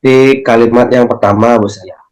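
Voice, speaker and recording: A man who is a school counselor, softly reading sample lines for colleagues. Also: mid-range voice, steady tone, normal speed, rough recording. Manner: softly reads a sample line.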